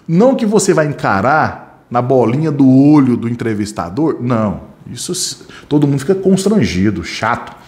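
A man's voice: mid-range voice, moderate pace, few pauses. A middle-aged man with a Brazilian Portuguese accent, a security training instructor teaching in a classroom, talking with his hands and correcting himself as he goes. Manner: animated, talks with his hands, self-correcting. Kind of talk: classroom-style lesson with acted examples.

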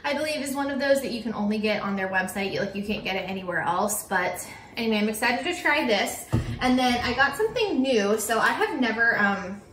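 A woman's voice: medium pitch, fairly bright tone, reverberant, far from the mic, a little hiss or hum. Chatty young woman vlogging at home. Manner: chatty, with frequent "um" and "like". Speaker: cleaning vlogger and teacher. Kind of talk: casual chat to camera. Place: kitchen table at home, indoors.

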